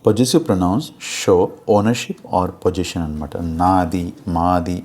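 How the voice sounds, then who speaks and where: Very deep-voiced Telugu grammar teacher. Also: male voice, extremely slow, a little mellow, slight background noise. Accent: Telugu-accented English. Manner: patient, explanatory, checks in with "okay?" often. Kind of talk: exam-prep lecture in Telugu with English terms.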